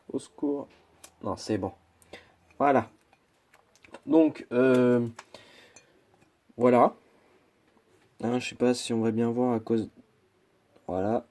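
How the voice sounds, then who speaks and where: A man talks his way through an unboxing in a relaxed, rambling way. He keeps stopping, restarting and adding little asides. His voice has a soft, mellow tone. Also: medium pitch, takes it slowly, pauses often. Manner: chatty, hesitant, full of restarts and asides. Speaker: YouTuber. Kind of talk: casual unboxing chat.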